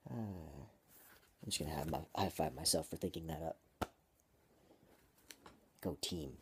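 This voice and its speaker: A man's voice: extremely low pitch, takes it slowly, slight background noise. A man reading his own story aloud, stopping often to joke and comment on his writing. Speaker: amateur writer and vlogger.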